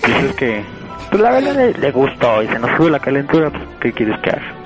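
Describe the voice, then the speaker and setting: A man's voice: mid-range voice, wildly swooping pitch, a little fast, over music, poor audio. A man playing a stubborn young man on a radio prank call, who defiantly refuses to give in.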